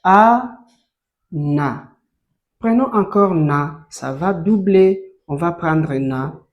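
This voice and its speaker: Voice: mid-range voice, expressive, slow, lo-fi sound. A French teacher giving a lesson on reading syllables, sounding them out one by one, asking learners questions and having them repeat. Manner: drills syllables and has listeners repeat; asks learners frequent questions.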